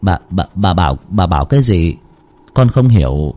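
A man's voice: low-pitched, very animated, moderate pace, dark tone, voice pushed down. Man doing a stammering terrified young servant. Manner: stammering, repeating words.

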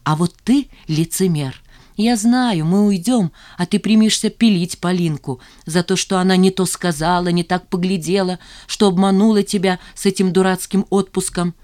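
A woman's voice: lowish voice, moderate pace, lightly acted. Woman voicing a scornful, furious young woman. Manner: scornful, taunting, shouting.

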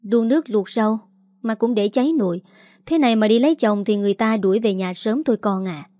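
A woman voicing an anxious, sharp-tongued middle-aged mother in an audio story, who scolds and grows shrill when upset. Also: brisk, no room sound, studio quality, close to an everyday voice. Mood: scolding.

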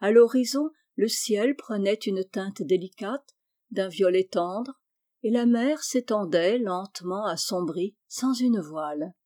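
A woman reading a classic story aloud in measured, descriptive narration. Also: medium pitch, mellow, no echo, clean studio sound. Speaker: reader.

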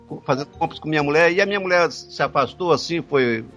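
Man, voice actor, lively storytelling, raised pitch, faint music behind. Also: fast. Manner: animated, laughing, stammering repeats. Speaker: voice actor guest. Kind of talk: casual storytelling chat.

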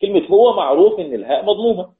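A man's voice: high voice, expressive. A man with an Egyptian accent teaching a Quran recitation lesson, explaining step by step and putting questions to his students. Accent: Egyptian Arabic. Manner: chants verse lines slowly. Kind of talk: recorded online lesson. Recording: tinny phone-like line.

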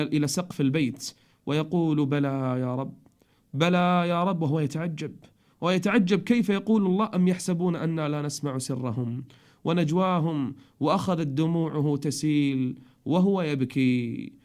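A man's voice: fairly high pitch, a little mellow. A middle-aged man giving a religious storytelling sermon, preaching with an emotional delivery that rises and falls. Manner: emotional, rising and falling delivery.

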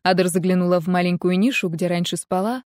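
A woman narrating a romance novel as an audiobook, in even, steady storytelling. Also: lowish voice, fast, no echo, clean studio sound.

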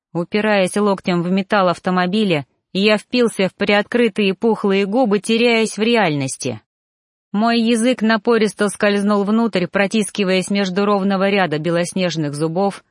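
A woman narrating a romance novel in a steady, measured reading. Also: mid-range voice, no echo, studio quality. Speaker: audiobook narrator. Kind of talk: scripted narration.

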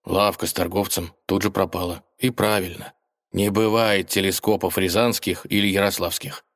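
A man narrating a children's fairy tale audiobook in a calm storytelling manner. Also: sits low, moderate pace, dry recording, clean studio sound. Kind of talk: scripted narration.

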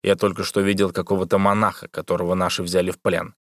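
Guy playing a cold surgeon, matter of fact, low, dry recording. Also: little pitch movement, fast, fairly bright tone, no room sound. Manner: cold, detached.

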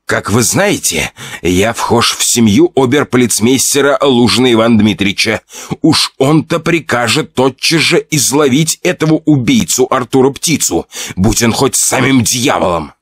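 A man voicing a nervous, breathless nobleman in a horror audiobook, speaking in hurried, panting bursts. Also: mid-range voice, expressive, breathy edge, no echo. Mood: vengeful.

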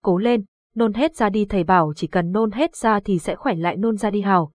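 A woman's voice: mid-range voice, a little fast, no echo, natural voice. A woman voicing an earnest young village man. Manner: reassuring, polite to elders. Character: young village man, anxious but steady helper.

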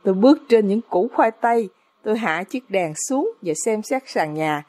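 A woman's voice: mid-range voice, expressive, moderate pace, darkish tone, no echo. A woman narrating an audiobook in a dramatic, suspenseful storytelling manner.

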